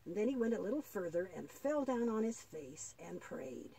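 A woman plays a devout, patient grandfather for a children's puppet show, her husky voice halting but earnest as he explains. The tone is dark and sing-song at a mid-range pitch, captured on a rough recording.

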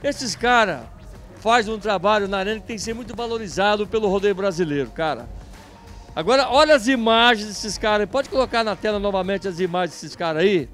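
A man's voice: high voice, a little fast, a bit bright, soft background music. A middle-aged Brazilian man presenting live from a rodeo like a hyped, emphatic announcer, talking into a handheld microphone. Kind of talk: live event reporting and interviews. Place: at a rodeo festival, in booths and outdoor stalls.

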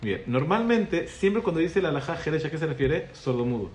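A man's voice: on the high side, very animated, brisk, darkish tone. Man teaching a class, quizzing students. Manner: explains patiently, asks the class questions. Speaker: rabbi teaching halakha class. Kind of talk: Torah class with student questions.

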